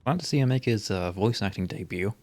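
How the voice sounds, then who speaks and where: A man's voice: lowish voice, animated, brisk, darkish tone, dry recording. A man giving casual, wry gameplay commentary as a video game streamer.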